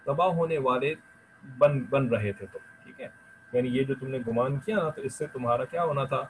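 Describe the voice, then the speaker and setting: Man teaching Quran translation, measured. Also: mid-range voice, slight background noise, low-quality recording. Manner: chants Arabic verses slowly, then explains in plain Hindustani; keeps adding a checking "theek hai" between points. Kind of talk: online Quran translation class.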